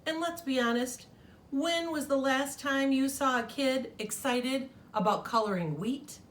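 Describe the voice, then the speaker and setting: A woman's voice: sits high, measured pace, a little hiss or hum, pitched above the performer's own voice. A woman reading the letter of a proud but slighted beige crayon from a storybook, in an indignant tone.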